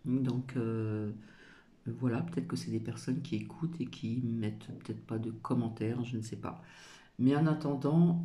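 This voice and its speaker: A man's voice: mid-range voice, warm tone. A man hosting his channel in a casual chat to viewers, hesitant and full of filler sounds, mumbling his words at times. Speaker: channel host.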